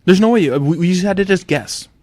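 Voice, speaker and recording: A man co-hosting a casual podcast, his pitch swinging widely as he tells stories and bursts into loud exclamations. His voice sounds dry and close to the mic, with no room around it. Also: fast talker, no room sound. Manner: animated, excitable storytelling with loud outbursts. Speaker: podcast co-host.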